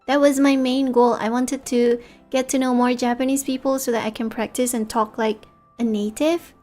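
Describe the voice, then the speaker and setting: With little pitch movement and a normal pace, a tired woman in her thirties chats with her stream viewers deep into the night. A VTuber and native speaker of English and Malay, she uses a slightly high voice, rambling, musing, and rewording herself over faint music.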